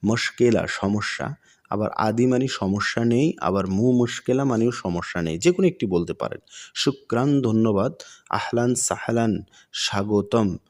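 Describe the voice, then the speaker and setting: A man's voice: on the low side, darkish tone. A man giving a video language lesson who keeps asking questions and answering them himself, repeating each step and slipping English words into his speech. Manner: repetitive, questions and answers his own prompts. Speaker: language teacher.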